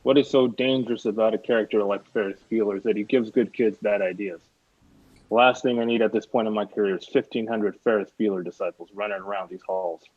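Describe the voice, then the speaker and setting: A man's voice: fairly low pitch, fairly even intonation, fast, darkish tone, no echo, lightly acted. A man reading a pompous, self-important middle-aged school principal in an unrehearsed script read-through. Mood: stern. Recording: dull, dry, lo-fi recording.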